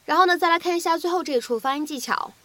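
High-voiced woman teaching pronunciation. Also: pushed and bright, no room sound, rough recording. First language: Chinese. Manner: measured, slowly repeats English phrases for practice. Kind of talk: explanatory lesson narration.

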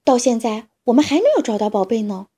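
A woman's voice: on the high side, fast talker, warm tone, slightly rough. Woman doing a dreamy little badger. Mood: musing. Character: dreamy curious badger hoping for treasure.

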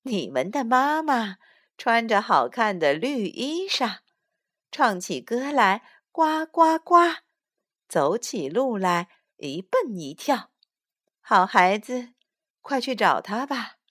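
A woman voicing a big, slow, gentle mother turtle who speaks patiently in a storybook reading. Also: a little high, sing-song, exaggerated voice. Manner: smiling, patient.

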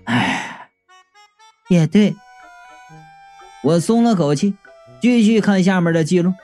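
A woman reading a comic story aloud in an animated, exclamatory storyteller's manner. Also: on the low side, brisk, faint music behind. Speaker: audiobook reader.

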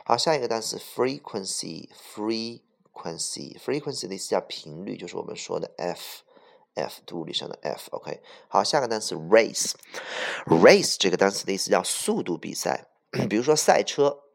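A man teaching English vocabulary, explaining each word with examples and repeating words slowly, often clearing his throat. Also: sits low, lively intonation. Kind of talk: vocabulary lesson.

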